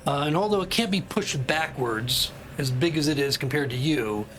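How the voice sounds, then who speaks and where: A man running a tabletop game as game master, narrating the action vividly with halting restarts. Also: on the high side, animated, fairly bright tone, slight background noise, poor audio.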